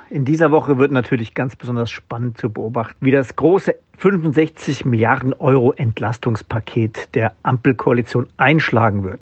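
A man who heads a newsroom, giving a confident, measured political news preview. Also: mid-range voice, slightly rough, no room sound, highs cut off. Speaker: newsroom chief editor.

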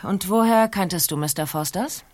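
A stern female detective presses a suspect with pointed, skeptical questions, her voice unusually low, as an actress plays her. She sounds cool and in control. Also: moderate pace, lightly acted. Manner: interrogating, skeptical.

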